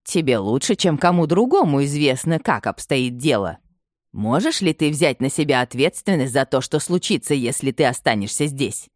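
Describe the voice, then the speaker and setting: A woman voicing an imperious, domineering aristocratic mother who scolds in a shrill, commanding tone. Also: animated, moderate pace, a little mellow, no room sound, studio quality. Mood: stern.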